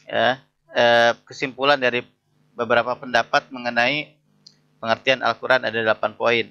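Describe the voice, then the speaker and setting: A male lecturer runs an interactive class, reading Arabic phrases slowly and explaining each one. His voice is bright with a gravelly edge. The audio is dull and lo-fi, as from an online class. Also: mid-range voice. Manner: reads Arabic phrases slowly, then explains each one, keeps asking "betul tidak?". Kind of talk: interactive lesson.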